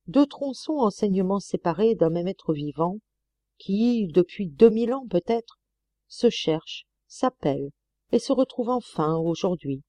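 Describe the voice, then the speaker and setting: A woman's voice: on the low side, dark tone, no echo. A woman reading an imperious, lyrical male poet in an audiobook, lofty and declamatory.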